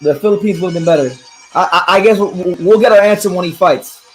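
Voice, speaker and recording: A man hosting a live fight reaction stream in casual, slangy chat, excitable and often repeating his phrases. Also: high-pitched, fast, soft background music, poor audio. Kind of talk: casual chat and fan commentary.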